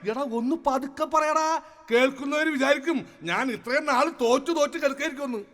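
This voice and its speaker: A man's voice: very high voice, a little fast, a bit bright. A man playing a foolish pompous king. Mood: indignant. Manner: theatrical, indignant, exaggerated royal speech. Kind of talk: live stage comedy skit. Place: outdoor festival stage. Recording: hall reverb from a stage.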